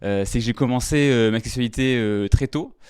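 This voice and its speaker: Stammering young comedian doing stand-up. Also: male voice, medium pitch, a little mellow, clean tone, no echo, clean studio sound. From rural France. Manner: talks fast, stammers and hesitates with many fillers. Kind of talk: live stand-up routine. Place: live comedy stage with audience.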